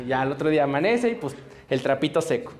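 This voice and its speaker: A man's voice: medium pitch, very animated, brisk. A man preaching a conversational sermon, telling stories and acting out dialogue with frequent chuckles. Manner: storytelling, acts out dialogue, chuckles often. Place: church service before a congregation.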